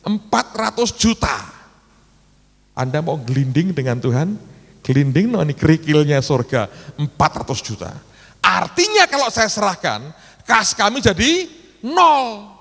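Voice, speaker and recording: Lively preacher in a big hall. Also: male voice, high-pitched, a little slow. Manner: colloquial storytelling, acts out dialogue in shifting voices; addresses the congregation as saudara. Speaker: pastor. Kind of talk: sermon. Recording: live church sermon in a reverberant hall.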